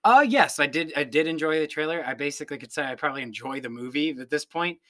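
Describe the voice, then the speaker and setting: A man's voice: on the high side, quick pace, fairly bright tone. A man co-hosting a casual film review podcast, joking around and often repeating words as he goes. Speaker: podcast co-host.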